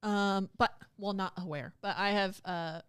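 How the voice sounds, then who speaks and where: A woman's voice: medium pitch, unhurried, clear, resonant tone, dry recording. A woman co-hosting a podcast, chatting casually and retelling a legal case in plain words. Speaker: podcast co-host. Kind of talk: casual chat.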